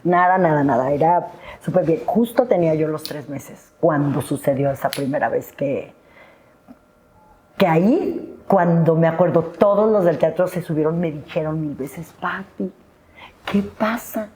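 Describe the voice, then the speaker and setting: A middle-aged woman tells an emotional personal story as a podcast guest. Her voice sits slightly low. She breaks into high-pitched bursts whenever she acts out her own words from that day. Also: moderate pace, warm tone.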